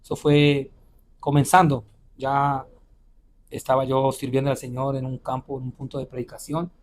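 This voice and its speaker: A male pastor telling a personal spiritual testimony in an interview, halting and repeating words often with frequent "eh" fillers. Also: mid-range voice, monotone, a little hiss or hum. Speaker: pastor and missionary.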